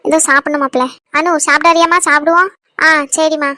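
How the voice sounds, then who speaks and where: A woman's voice: high-pitched, fairly even intonation, fast talker, pushed and bright, no room sound. A woman voicing a fussing, affectionate middle-aged mother of the bride in a cartoon. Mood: fussy.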